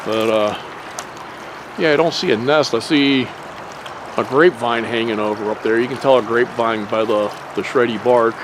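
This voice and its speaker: Here the same kind of loose trail commentary comes at a moderate pace: a man from Pennsylvania who vlogs about nature, relaxed, full of fillers and the odd curse, his pitch ordinary and middling. Faint air and flowing water sit behind him on the handheld outdoor recording.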